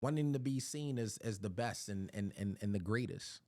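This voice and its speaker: A man's voice: fairly low pitch, moderate pace, dark tone, no echo. A man from Philadelphia giving a casual Bible teaching, often repeating words as he searches for his phrasing.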